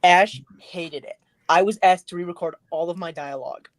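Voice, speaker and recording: A man chatting casually about voicing characters in a fan production, animated and full of restarts. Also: high voice, normal speed. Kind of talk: casual group chat.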